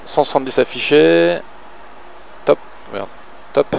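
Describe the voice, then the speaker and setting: A male pilot with a fairly high, gravelly, expressive voice speaks slowly over slight background noise. He calls out checklists in clipped cockpit callouts and gives casual instruction, often thinking aloud in between.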